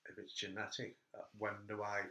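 A middle-aged man hosting a casual interview chat, telling stories with animated bursts. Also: lowish voice, fairly quick. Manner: animated storyteller, voice jumps up when telling funny bits. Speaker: host. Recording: echoey room.

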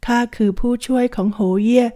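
A woman reading the part of a loyal male servant who speaks gravely and firmly. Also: brisk, dark tone, natural voice. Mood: steady.

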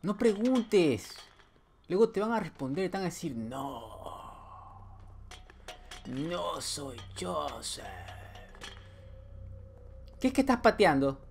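A man's voice: sits high, sing-song, normal speed, a little mellow, slight background noise. A man commenting his way through a horror video game, joking, talking back to the game and letting out sudden yelps. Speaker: gameplay streamer. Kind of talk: playthrough commentary.

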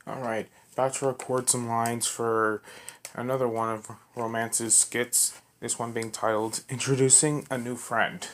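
A man's voice: mid-range voice, little pitch movement, measured pace. A young man talking to himself at home between voice takes, muttering and critiquing his own reads. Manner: muttering, self-critical asides. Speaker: amateur voice actor. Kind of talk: casual self-talk between recorded takes. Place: home room.

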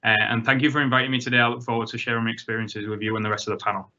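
A man introduces himself on a panel by webcam. His voice is bright and steady in pitch, and he drops in hesitant fillers. The video-call audio is slightly dull. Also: racing. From England. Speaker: panelist, professor.

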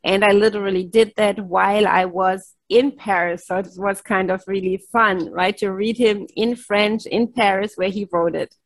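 This keynote speaker is a middle-aged woman whose first language is German, having a casual, cheerful video-call chat over a headset in her home office. She laughs a lot and keeps adding "yes" and "right." Her mid-range voice moves at a moderate pace with fairly even intonation, hardly any pauses, and no echo.

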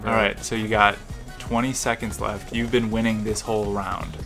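A man's voice: on the low side, level tone, moderate pace, vocal fry. A man co-hosting a casual gameplay video, reading out game prompts, reacting and laughing. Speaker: gaming channel co-host. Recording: loud game music behind.

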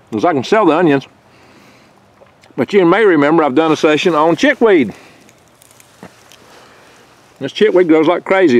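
Here an older man with a fairly high voice, recorded with no echo, hosts his foraging channel from his garden among the pines. His talk rambles in a chatty, folksy style with small jokes and stumbles, and he's captured on a handheld camera mic held close.

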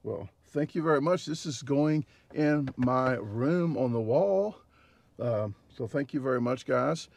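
His mid-range voice is gravelly and a little mellow, with lively intonation and an unhurried pace. A forties-aged Midwesterner who vlogs and eats competitively, he chats casually to a dash-mounted camera in his parked car, rambling and restarting with lots of fillers.

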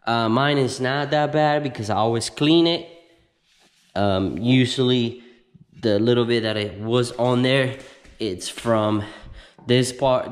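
A man in his thirties hosting a casual how-to video in a home garage, explaining each step slowly with plenty of ums and restarts. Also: medium pitch. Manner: slow, halting step-by-step explaining with many fillers. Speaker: host of a how-to channel. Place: home garage with door open.

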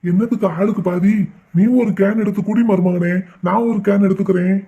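A man's voice: high-pitched, steady tone, brisk, dark tone, highs cut off. A man voicing an indulgent, easygoing village uncle in a cartoon.

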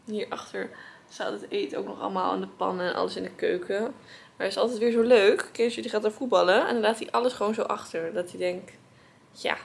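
A young woman with a Dutch accent chats to a camera held at arm's length in her apartment. Her voice sits slightly high and often drops into gravelly fry. Faint hiss hangs under the relaxed, rambling vlog talk. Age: young adult. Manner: chatty, relaxed, thinking aloud. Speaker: vlogger. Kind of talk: casual vlog chat. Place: apartment living room, indoors. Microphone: handheld camera at arm's length.

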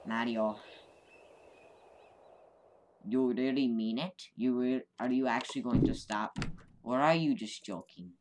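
Guy doing hurt wary game brother, slow earnest drama, noisy home recording. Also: mid-range voice, natural voice. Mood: wounded, wary. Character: long-suffering, wary younger brother video game hero. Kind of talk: amateur game-animation skit.

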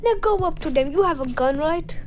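High-pitched woman play-acting a story. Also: lively intonation, brisk, a little hiss or hum. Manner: playful, dramatic back-and-forth between characters. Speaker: storyteller voicing all characters in an improvised play. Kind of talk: improvised play-acting with character dialogue.

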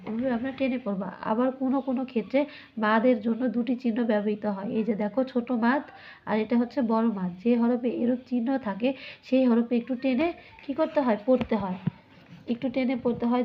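A woman teaching a lesson from a textbook, slightly high-pitched, asking questions and answering them herself. She stretches sounds out as she demonstrates them. The recording is muffled and lo-fi. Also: steady tone, brisk. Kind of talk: classroom lesson explaining a textbook.

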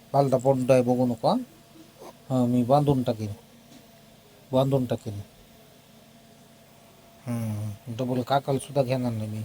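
A man talking to a baby he is minding as its uncle, in a warm, dark tone. He coaxes and mock-scolds, repeating short commands again and again. A faint room hum sits behind him. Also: medium pitch, poor audio. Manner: coaxing, mock-scolding, repetitive. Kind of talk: casual baby talk.

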